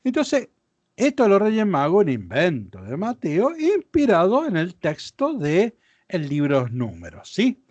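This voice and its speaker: A male Bible teacher walks his class through slides, explaining patiently and pausing to ask if everything is clear. His voice sits high and moves around a great deal in pitch. The sound is dry and close, with no room echo. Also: wildly swooping pitch, darkish tone, dull audio. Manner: explanatory, checks understanding with questions. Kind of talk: lecture with slides.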